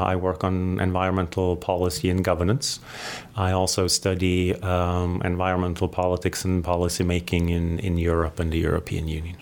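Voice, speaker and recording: Deep-voiced man, halting and measured. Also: a little mellow, clean tone. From Sweden. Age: 40s. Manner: measured, hesitant, many fillers and restarts. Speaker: guest academic. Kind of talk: interview answers.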